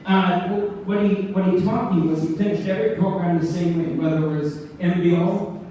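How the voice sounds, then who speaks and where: A man giving a live seminar on public speaking in an animated, joking storytelling way, recorded from afar in a large room with an audience. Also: sits high, brisk, slight background noise. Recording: echoey hall, mic far off.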